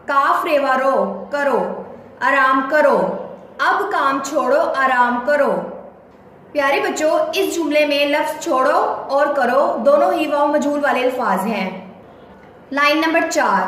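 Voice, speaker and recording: A woman teacher leading a children's reading lesson, spelling words out slowly letter by letter. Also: high voice, a bit bright, a little hiss or hum. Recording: very echoey room, faint ambience.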